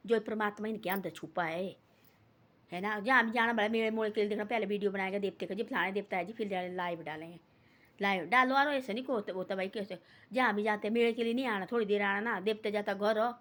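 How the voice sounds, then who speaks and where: An older woman tells village stories in a meandering, repetitive way, dropping scolding asides. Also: mid-range voice. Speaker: storyteller. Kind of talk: rambling village storytelling.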